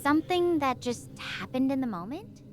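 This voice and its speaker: Faint music plays behind a synthetic woman's voice, which sits high, sounds a little mellow and is expressive at a moderate pace. She plays a young space researcher stranded far from home, curious, chatty and full of questions.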